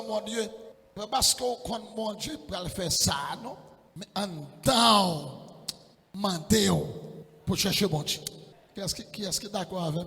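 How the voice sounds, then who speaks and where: A man preaching a sermon in church, impassioned and often breaking into shouted, sing-song calls. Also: high voice, in a large hall.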